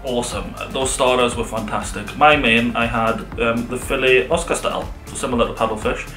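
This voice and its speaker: A middle-aged vlog co-host reviews restaurants from a living room sofa, talking to camera in a relaxed, enthusiastic way. He speaks a little fast with a mid-range, fairly even voice, in an echoey room with background music playing.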